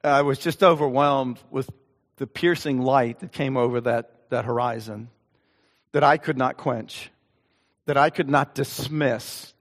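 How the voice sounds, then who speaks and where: A man's voice: mid-range voice, a little slow. An older man, a pastor, preaching an earnest, conversational sermon and reading scripture with emphasis. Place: church sanctuary. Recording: long reverb of a church hall.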